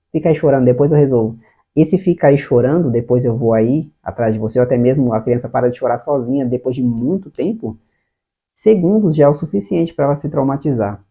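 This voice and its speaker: A man's voice: medium pitch, husky. A man with a Brazilian Portuguese accent giving an earnest explanatory talk on parenting, speaking straight to the viewer. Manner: earnest, addresses the viewer directly, acts out short quoted lines. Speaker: parenting educator. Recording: tinny phone-like sound.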